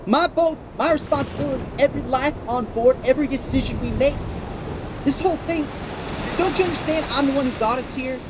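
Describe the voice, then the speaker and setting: A guilt-stricken sea captain shouting. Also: male voice, very high voice, a little fast. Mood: anguished. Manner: shouting over storm, anguished. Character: distraught male sailboat captain, guilt-ridden. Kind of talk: audio drama acting. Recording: loud storm wind effects behind.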